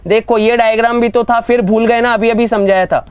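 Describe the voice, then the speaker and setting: Clear-voiced male teacher. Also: very high-pitched, steady tone, no room sound. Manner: coaxing, keeps asking if students understood; reads statements out slowly. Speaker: exam coaching teacher. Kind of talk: online reasoning lesson.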